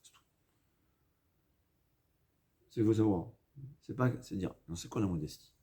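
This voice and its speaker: Low-voiced man teaching in foreign-accented French. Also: expressive, dark tone. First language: not a native French speaker. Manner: halting, repeats and rephrases for emphasis, mixes in Hebrew quotations. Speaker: rabbi giving a religious lesson. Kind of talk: informal Torah lecture.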